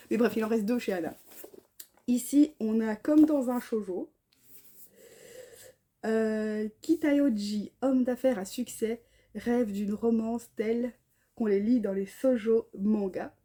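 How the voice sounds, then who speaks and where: A woman's voice: fairly high pitch, dark tone. A woman chatting casually about books, reading blurbs aloud and tripping over names. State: tired. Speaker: book vlogger. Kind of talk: casual chat.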